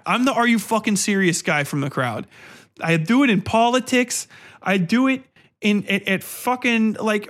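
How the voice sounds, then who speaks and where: A man with a high-pitched, fairly bright voice rants casually as a podcast host. He is blunt, profane and exasperated, rambling through his opinions in slangy speech.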